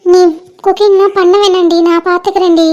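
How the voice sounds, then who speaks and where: A woman voicing a gentle, resigned young woman about to be married, soft-spoken and tender in an amateur audio drama. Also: extremely high pitch, level tone, brisk, highs cut off. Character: sorrowful young bride-to-be, gentle elder sister. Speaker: elder sister.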